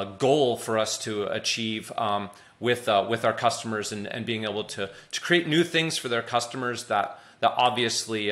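A middle-aged man talks over a webcam on a video-call panel in a fairly low voice. He sounds eager and enthusiastic, often repeating words as he builds his sentences. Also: fairly bright tone. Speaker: panelist from a tech company.

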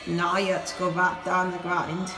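An amateur elevator video maker films on a handheld phone in small elevators and car park lobbies, offering casual running commentary in short, simple, clipped remarks. His voice is high-pitched, monotone and gravelly at a normal speed, heard over music. The lift cabin and lobby sound echoey.

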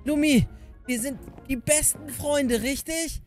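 A man with a high voice narrates his own Minecraft role-play adventure, giving quick orders and speaking straight to his audience. He talks with urgency and a lot of energy. Light music plays underneath. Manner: urgent, directing others. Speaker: YouTuber and narrator.

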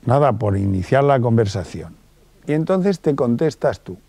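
A man giving a lively public talk as a psychologist, colloquial and acting out little dialogues. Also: mid-range voice, moderate pace, gravelly, dry recording. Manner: colloquial, acts out little dialogues in different voices.

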